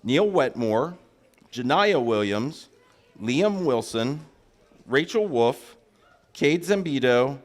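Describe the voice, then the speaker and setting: A man announcing at a closing ceremony, reading a list of names in a steady roll-call manner with frequent fillers. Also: medium pitch, takes it slowly, long pauses.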